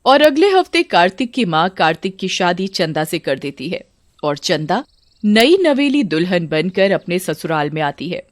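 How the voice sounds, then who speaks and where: A woman narrating a scripted folk horror story in an expressive, dramatic way. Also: on the low side, normal speed, no echo, clean studio sound.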